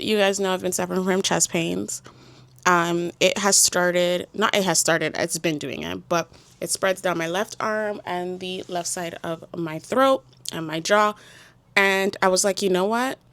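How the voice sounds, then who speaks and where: A woman's voice: medium pitch, creaky, a bit bright, no echo. A young woman with a congested voice, a small business owner talking candidly and earnestly to her vlog audience. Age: young adult. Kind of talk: casual personal vlog.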